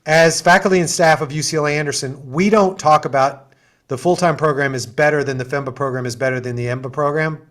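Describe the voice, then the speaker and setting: A middle-aged man hosts an info session as assistant dean over a video call, his slightly high, fairly bright voice steady and quick. He's enthusiastic and talkative about the programs, full of fillers and side comments.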